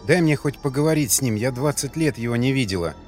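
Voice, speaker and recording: A man voicing a frightened young woman, a novice, speaking hoarsely through tears. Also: medium pitch, expressive, quick pace, a little mellow, soft background music, natural voice. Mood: begging. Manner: hoarse, tearful.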